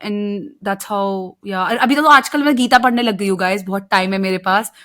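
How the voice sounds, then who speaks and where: A woman's voice: medium pitch, very fast, fairly bright tone. A young woman with an Indian accent, chatting casually and playfully as a podcast co-host, mixing Hindi and English. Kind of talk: casual chat.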